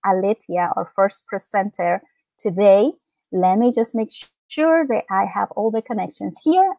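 A young woman moderating an online webinar from a room at home, heard over a video call. Her voice sits at a middle pitch and sounds dry and close. She talks in a friendly way, with frequent ums and uhs. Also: a little mellow, no echo, low-quality recording. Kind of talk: live webinar hosting.

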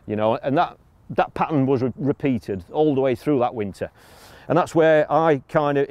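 A man's voice: medium pitch, warm tone, no room sound. A middle-aged man from the UK explaining fishing technique outdoors by a lake, chatty and informal, often checking in with "all right?" and "you know". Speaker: angling coach. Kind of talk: casual outdoor tutorial.

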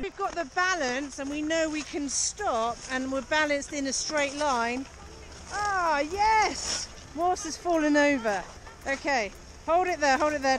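Woman ski instructor, very high voice, cheery and encouraging, calling out coaching cues outdoors over clear background noise. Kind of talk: live beginner lesson, coaching and explaining to camera. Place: outdoors on a busy ski slope. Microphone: action camera held or worn. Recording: noisy outdoor action-camera sound.

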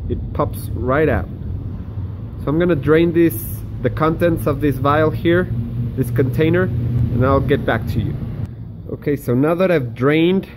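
A man's voice: fairly high pitch, darkish tone, slight background noise. Man showing gear, chatty and step-by-step. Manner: chatty, explains step by step to viewers. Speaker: outdoor gear vlogger. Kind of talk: casual hands-on demonstration. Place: indoors at a table. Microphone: camera filming hands from above.

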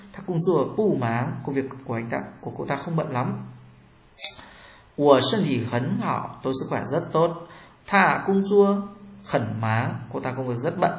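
Echoey man teaching a language lesson. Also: fairly high pitch. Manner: reads each example slowly, then translates it. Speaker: Chinese teacher. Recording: echoey room.

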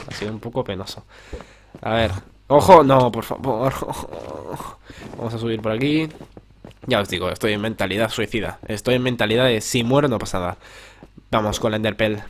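A young man from Spain, narrating his game casually, swinging between low mutters and excited outbursts, with crude slang and asides to viewers. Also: a little hiss or hum. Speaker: gaming youtuber. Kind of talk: casual gameplay commentary. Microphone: desk mic.

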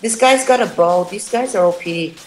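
A man with a high-sitting voice speaks at normal speed in casual gameplay commentary, faint music playing behind him on a rough recording. A gamer and channel editor, he trades sarcastic jabs over voice chat and panics when his character is in danger.

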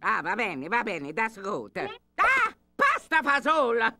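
A woman's voice: on the high side, huge pitch swings, measured pace, full character voice. A woman voicing an elderly Italian woman in a cartoon, who fusses over her pets in broken English with a strong Italian accent. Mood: doting. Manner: fussing, scolding, broken English. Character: doting old Italian woman, bossy mother type. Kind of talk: cartoon voice acting. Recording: music behind.

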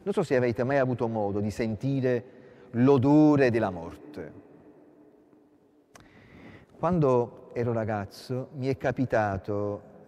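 A man of middle pitch speaks as a parish priest, reading scripture and preaching in a solemn, measured manner. His voice rises into emphatic swells on key phrases. A long church reverb hangs behind every word. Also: warm tone. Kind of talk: Gospel reading and homily.

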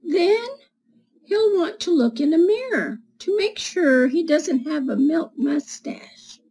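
Here a woman in her seventies, a read-aloud storyteller for schoolchildren, works through a picture book at a deliberate pace, explaining the pictures and gently asking the children questions. She has a high-pitched voice with lively intonation. The rough recording was made indoors on a desk-distance webcam in a small home room full of bookshelves.

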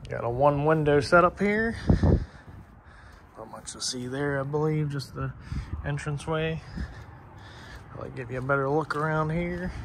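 Outdoors in a parking lot, a man who vlogs about abandoned places chats folksily to viewers in a casual, off-the-cuff walkaround. His voice sits on the high side at normal speed with long pauses, and the handheld audio carries clear traffic and vehicle sounds.

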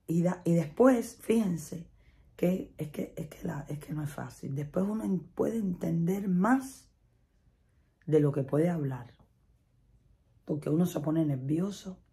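A middle-aged Spanish-speaking vlogger from Latin America tells a chatty personal story in a lowish, warm, unhurried voice. She laughs often and repeats herself.

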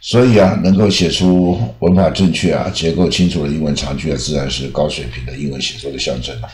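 A man teaching English over slides in Taiwanese-accented Mandarin, unhurried, with many drawn-out filler sounds. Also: very deep voice, fairly even intonation, a little mellow. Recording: echoey room.

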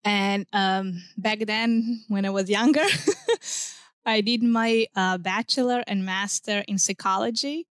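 A woman from Serbia, a non-native English speaker, answering interview questions in a measured, casual way. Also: medium pitch, fairly even intonation, dry recording, studio quality. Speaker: guest researcher.

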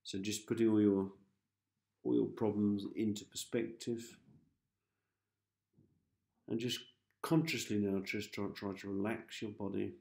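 Faint music plays beneath a roomy, echoing recording of a soothing guided sleep hypnosis. The meditation guide, a man with a low, gravelly voice, speaks calmly and gently, repeating soft instructions and leaving long pauses.

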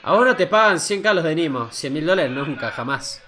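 An Argentine streamer reacts live to clips, excitable and casually profane, stopping to greet his chat. His voice sits a bit high and sounds bright and sharp. There is a faint noise behind him. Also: brisk. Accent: Argentine Spanish.

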